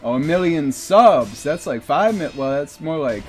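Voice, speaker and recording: A man's voice: fairly high pitch, animated, unhurried, darkish tone, faint music behind. A man streaming a video game, rambling in casual commentary and swearing at the boss now and then.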